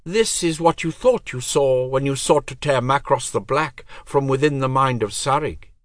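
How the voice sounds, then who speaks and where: A man's voice: mid-range voice, moderate pace, no echo, clean studio sound, pitched above the performer's own voice, natural voice. A man voicing a cold, commanding goddess of death who speaks in solemn pronouncements. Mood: icy, solemn.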